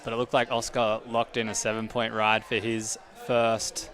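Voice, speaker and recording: Male sports analyst, even monotone delivery, slightly low pitch. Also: moderate pace. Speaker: surf contest co-commentator.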